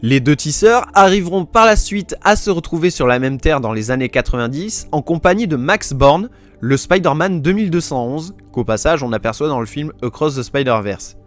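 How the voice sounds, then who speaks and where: A man narrates a comic-book origin for his channel with an easy, chatty storytelling style. He drops slangy comments to his viewers between plot points. His voice sits a bit high, with soft music playing behind him. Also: moderate pace. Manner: relaxed, slangy asides to viewers. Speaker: YouTube host.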